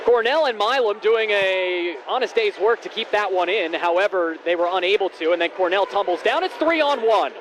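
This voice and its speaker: A man with a high-pitched voice gives live hockey play-by-play. He breaks into excited, raised calls when chances come. Faint rink noise sits behind him. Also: fairly quick, hardly any pauses, low-quality recording.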